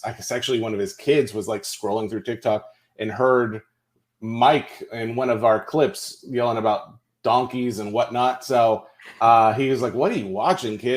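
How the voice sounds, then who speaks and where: A man from Tennessee, a podcast guest telling a story in casual chat, loose and full of asides. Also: fairly low pitch. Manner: relaxed storyteller, many fillers and asides.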